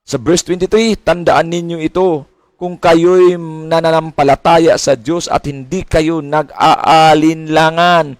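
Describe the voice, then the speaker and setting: A man's voice: a little high, flat delivery, slow, no echo. A middle-aged man preaching a sermon as a pastor, asking questions and mimicking complaints. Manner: preaching with rising questions and mimicked complaints, mixing English phrases.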